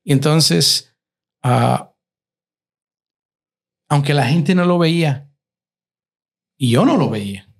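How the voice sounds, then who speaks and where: Middle-aged father, gravelly reflective storyteller, candid chat. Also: fairly high pitch, lively intonation, slow pace, pauses often. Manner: reflective storytelling, mixes in English words. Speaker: father and husband, guest. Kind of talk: casual family conversation.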